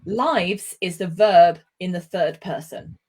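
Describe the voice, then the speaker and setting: A woman from Britain teaching English pronunciation over a video call, praising and correcting slowly. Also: on the low side, a little mellow, slightly rough. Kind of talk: online speaking lesson.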